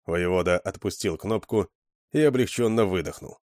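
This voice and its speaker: Низкий мужской голос чтеца. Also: male voice, low-pitched, moderate pace, dry recording, clean studio sound. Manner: steady storytelling. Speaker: audiobook narrator. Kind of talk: scripted narration.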